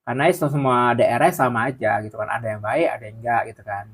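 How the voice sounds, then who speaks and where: A man's voice: medium pitch, fast, slightly rough. A young man from Aceh in casual chat, earnestly lecturing viewers about respect between regions. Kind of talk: casual chat while eating.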